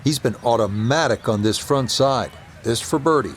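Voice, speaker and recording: A man voicing a composed video game golf commentator, calling play in a measured, understated sportscasting style. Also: medium pitch, a little hiss or hum, close to an everyday voice. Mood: composed, approving.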